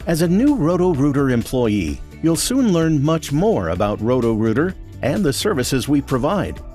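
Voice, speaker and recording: A man's voice: a little high, sing-song, normal speed, darkish tone, soft background music. An American man reading scripted corporate narration for an employee training video.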